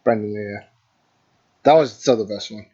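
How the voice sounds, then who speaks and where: A man's voice: fairly low pitch, normal speed, dark tone, breathy edge. A young man co-hosting a podcast in casual chat, rambling and hesitant with many fillers. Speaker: podcast co-host. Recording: dull lo-fi mic.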